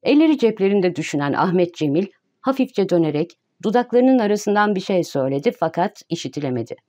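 A woman reading a classic novel aloud as an audiobook narrator, in a measured, even manner. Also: fairly low pitch. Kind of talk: scripted narration.

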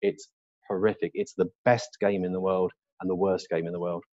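Blunt, emphatic surgeon lecturing. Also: male voice, fairly low pitch, a little mellow, no room sound, dull audio. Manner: emphatic and opinionated, with rhetorical questions and blunt humour. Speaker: orthopaedic surgeon giving a lecture. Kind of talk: live webinar lecture. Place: hospital lecture room with a live audience.

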